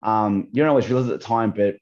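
A man's voice: lowish voice, quick pace, darkish tone, lo-fi sound. An Australian man in his thirties, a podcast guest chatting casually over a call, full of ums and restarts. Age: 30s. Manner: hesitant, many fillers and restarts. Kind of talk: casual chat.

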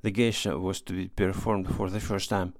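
A man narrating a classic story as an audiobook reader, in a steady, measured manner. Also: low voice, no room sound.

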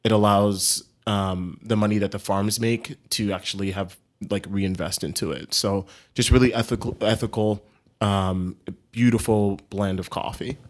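A young man speaks in a laid-back, easygoing way as a podcast guest. His voice sits a little low. He leans on fillers like "you know" and "um" and laughs easily. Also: steady tone, moderate pace. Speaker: guest, coffee brand founder. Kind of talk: casual podcast chat.

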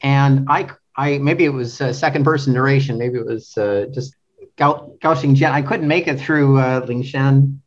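This translator, a male interview guest, chats about a book in a casual, faltering manner, reworking his phrasing as he talks. His mid-range voice holds a steady tone, though the high frequencies are cut off.

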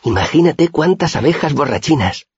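A man voicing a tiny, whimsical young woman who talks with high, breathless, childlike wonder. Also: big pitch swings, measured pace, a little mellow, slightly rough, no echo, full character voice. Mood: delighted. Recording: dull, muffled audiobook recording.

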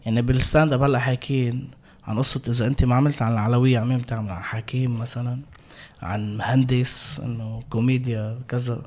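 A man with a Lebanese Arabic accent speaks at a quick clip in a medium register. He sounds like a guest in a casual chat, using everyday colloquial language. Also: mid-range voice, flat delivery, a little mellow. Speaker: comedian guest. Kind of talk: casual conversation.

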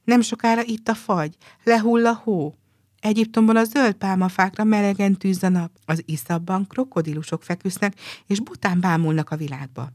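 A woman voicing a little kind-hearted swallow who longs for the warm south, in a gentle storybook telling. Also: mid-range voice, no room sound, studio quality, pitched above the performer's own voice, close to an everyday voice. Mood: wistful.

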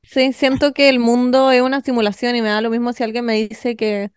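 A woman chats on a podcast in an offhand, shrugging way. Her voice is slightly high, recorded close and dry. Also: little pitch movement, fairly quick, clean tone, no echo. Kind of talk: casual chat.

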